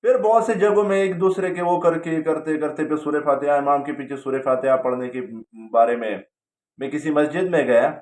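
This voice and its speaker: A man's voice: a little high, darkish tone. A man casually telling a personal story, rambling, with frequent hesitations. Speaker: storyteller recounting his religious journey. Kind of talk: casual spoken testimony. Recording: roomy, distant from the mic.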